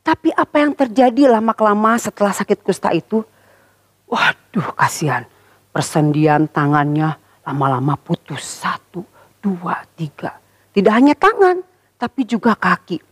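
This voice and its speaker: A woman teaching Sunday school, telling a Bible story to children in a lively, expressive way and speaking straight to the kids. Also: mid-range voice, no room sound, studio quality. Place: church.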